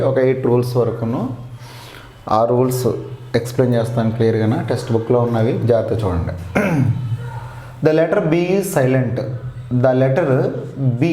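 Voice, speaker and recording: A man's voice: medium pitch, warm tone. A man with a Telugu accent teaching an English grammar lesson, patiently repeating each rule and spelling words out letter by letter. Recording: roomy echo.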